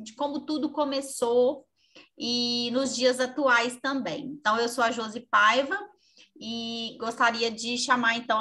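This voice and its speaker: A woman's voice: fairly high pitch, sharp tone. A woman hosting an online talk, introducing her guest in a friendly, conversational way. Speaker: host. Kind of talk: online live presentation.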